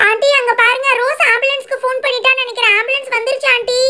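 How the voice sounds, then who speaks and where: A woman voicing an excitable young girl who scolds and raises the alarm in a doll video. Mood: panicked. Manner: fast, shrill, excitable.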